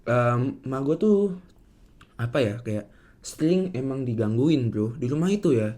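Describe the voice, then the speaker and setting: A young man speaks with a Jakarta Indonesian accent and cannot roll his R, which comes out soft and lisped. He tells his story casually, in slang, hesitating and rambling as he goes. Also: medium pitch, expressive, normal speed. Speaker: podcast guest.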